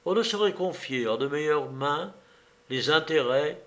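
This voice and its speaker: Man, storybook narration, slow, slightly high voice, measured. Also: animated, a bit bright. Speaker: audiobook reader.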